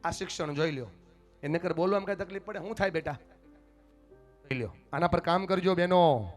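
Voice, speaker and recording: A man giving a motivational speech to parents and pupils, dropping to a hush and then rising loud. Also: high-pitched, a little fast, soft background music. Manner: dramatic, swings from hushed to loud, addresses parents and pupils directly. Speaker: motivational speaker at a school event. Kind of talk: motivational speech with acted-out stories.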